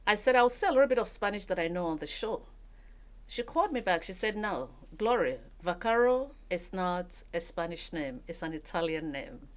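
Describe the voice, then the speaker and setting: A woman with a slightly low voice hosts a radio interview. She talks in a measured way and sets out each point for the listeners. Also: lively intonation. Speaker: radio show host. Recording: radio studio broadcast.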